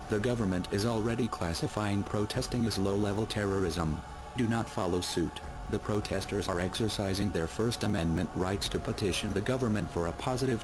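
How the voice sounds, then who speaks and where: A man reading a formal scripted statement in a disguised, artificially deepened voice, with a measured, even delivery. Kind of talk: scripted statement read to camera audience. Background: loud music bed.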